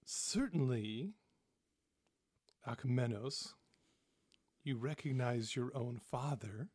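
A man's voice: medium pitch, slow pace, darkish tone, slightly rough, no room sound, studio quality. A man voicing a cruel older male shapeshifting ambassador with a sing-song, lulling voice, smirking and coaxing. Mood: amused. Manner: smirking, coaxing, gleeful about harm.

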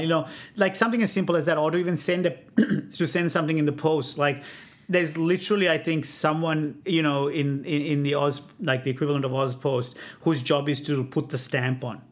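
Guest, man in his thirties, animated raconteur with a slightly high voice who swears a lot. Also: a little fast. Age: 30s. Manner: animated storyteller, swears freely, acts out both sides of calls. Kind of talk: casual chat.

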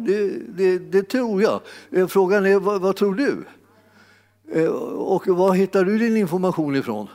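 En manlig predikant med ganska ljus röst, som talar trevande, tar om ord och ibland brister ut i höga utrop, i en stor sal med lång efterklang. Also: male voice, high-pitched, a little mellow. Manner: halting, repeats words, rises to exclamations. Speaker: preacher. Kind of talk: sermon. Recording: long hall reverb.

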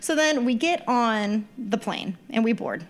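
A woman's voice: a little high, unhurried. A woman co-hosting a podcast, telling a story in casual chat and acting out the people in it. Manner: animated storyteller who acts out quoted people. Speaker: podcast co-host.

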